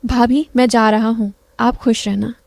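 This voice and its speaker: In a spoken story, a woman reader voices a lovestruck young man, making him soft, coaxing, and tender. Her delivery sits fairly high and mellow yet gravelly, with fairly even intonation and a measured pace. The recording is dry and close, with no room sound around it.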